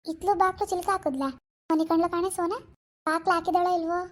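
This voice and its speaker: A woman's voice: very high voice, little pitch movement, a little fast. A woman voicing a fussy older mother-in-law in a cartoon, who calls out over and over and scolds. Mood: nagging.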